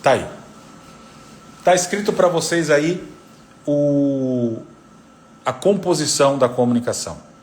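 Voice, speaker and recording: A man's voice: fairly high pitch, slow pace, long pauses, slight background noise. A man, a psychoanalyst, giving a live talk on parenting, teaching by repeating the key figures. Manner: didactic, repeats figures, lively intonation.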